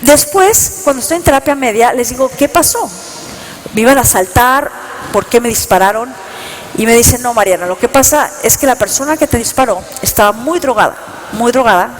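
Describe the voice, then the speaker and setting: A woman's voice: a little high, expressive, a little fast, soft background music. A woman giving an earnest personal testimony to an audience, telling her story step by step. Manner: earnest storytelling, reliving events, quoting herself and others. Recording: long reverb in a hall, faint noise.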